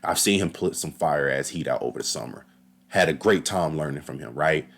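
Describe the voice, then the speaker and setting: A man giving casual, animated reaction commentary on a marching band battle, talking slangy and straight to his viewers. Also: very deep voice, fairly quick, creaky.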